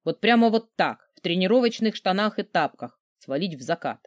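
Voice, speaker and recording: A man's voice: sits high, animated, moderate pace, no echo, clean studio sound. Sardonic male audiobook narrator. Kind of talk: first-person novel narration.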